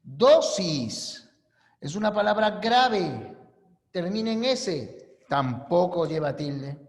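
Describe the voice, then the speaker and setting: A male teacher delivers a recorded class lecture at an unhurried pace. His fairly high voice swings widely as he stresses and repeats each rule. The sound carries the long, echoey reverb of a large room. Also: big pitch swings. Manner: slow, emphatic, repeats key rules. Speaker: language teacher.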